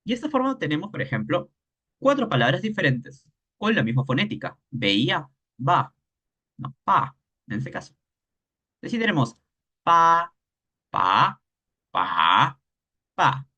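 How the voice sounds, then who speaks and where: Lively-pitched man teaching tones. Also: slightly rough, dull audio. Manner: demonstrates tones with drawn-out syllables. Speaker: Mandarin teacher. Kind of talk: online workshop lesson.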